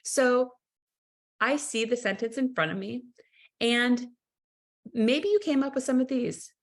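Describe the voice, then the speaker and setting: A woman instructor giving a recorded training lesson, excitable and playing with her voice inflection, calling her viewers friends. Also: fairly high pitch, a little slow. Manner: excitable, uses lively voice inflection; addresses viewers warmly as friends.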